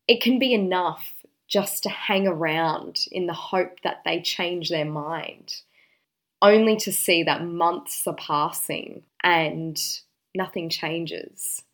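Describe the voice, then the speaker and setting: A woman giving relationship advice in a confident, direct and emphatic way, like a dating coach talking to her audience. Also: on the low side.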